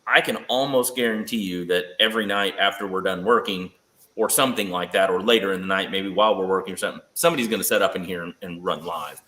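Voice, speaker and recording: A man's voice: sits low, quick pace, pushed and bright, roomy sound. A man in casual chat about a car build, rambling and hedging with fillers. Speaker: guest on automotive chat.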